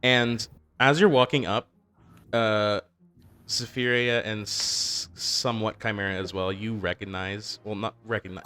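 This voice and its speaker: A young man with a lowish voice narrates as the game master of a tabletop session. He rambles, restarts often and leans on fillers. Faint music plays underneath. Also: bright, forceful tone.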